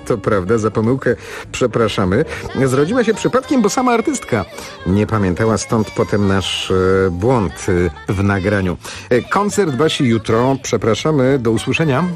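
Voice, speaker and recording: A man's voice: medium pitch, animated, moderate pace, faint music behind. A man hosting a radio talk show in a studio, conversational and chiming in with questions. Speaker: radio host. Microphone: studio microphone.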